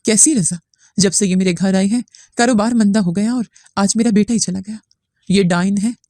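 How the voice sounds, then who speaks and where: A woman's voice: medium pitch, normal speed, a little mellow, no room sound, lightly acted. A woman voicing a bitter, accusing older mother-in-law in a spoken story.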